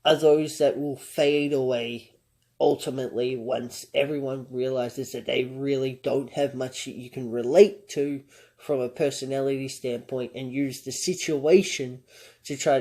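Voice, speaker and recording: A man's voice: medium pitch, mellow. A man hosting a reaction commentary, talking through song lyrics in a conversational, analytical way and chuckling often. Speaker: commentary channel host.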